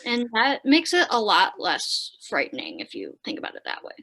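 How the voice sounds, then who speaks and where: A woman's voice: on the high side, huge pitch swings, normal speed, bright, forceful tone. A young woman with a Wisconsin accent, chatting as a podcast guest and filling her talk with "like". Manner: chatty, lots of "like" fillers. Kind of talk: casual interview chat.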